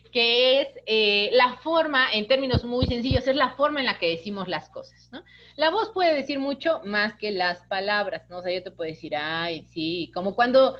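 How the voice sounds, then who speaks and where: A course instructor gives an online lecture in a high voice, with the highs cut off from the recording. She's chatty, keeps checking in with the class by asking "¿no?", and acts out quoted dialogue.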